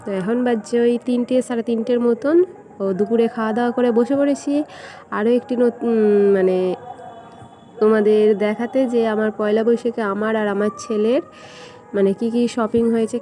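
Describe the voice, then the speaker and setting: A young woman vlogger chatting casually and speaking softly at home so her sleeping son stays asleep. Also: on the high side, steady tone, fairly quick. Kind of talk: casual vlog chat. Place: at home indoors. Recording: home recording with music playing nearby. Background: fair music playing nearby.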